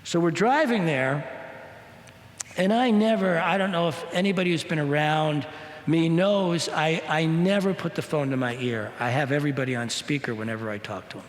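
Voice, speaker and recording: High-voiced minister telling a story in a hall. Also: male voice, moderate pace. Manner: storytelling, animated, acts out quoted voices. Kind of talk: spiritual talk with personal story. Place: church hall. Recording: echoey hall.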